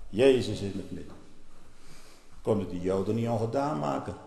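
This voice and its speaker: Brief: male preacher, fiery sermon, gravelly, swings from hushed to loud, roomy echo. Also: fairly low pitch, moderate pace. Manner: fiery, swings from quiet asides to loud outbursts. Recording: echoey hall with long reverb.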